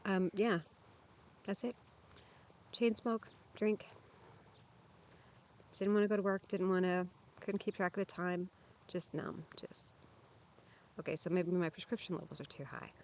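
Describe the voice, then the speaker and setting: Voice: medium pitch, fairly even intonation, a little slow, long pauses, darkish tone, slight background noise. A vlogger talking candidly to camera outdoors at a campsite, sharing lived experience in a frank, earnest, plainspoken way with frequent restarts. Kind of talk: candid personal talk to camera.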